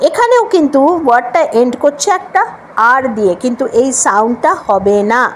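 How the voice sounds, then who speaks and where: A woman's voice: high voice, big pitch swings, a little fast, a little hiss or hum, poor audio. A woman with a Bengali accent teaching English pronunciation at a board, spelling out each word letter by letter and repeating it for drilling. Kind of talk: classroom lesson at a board. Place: classroom with a board.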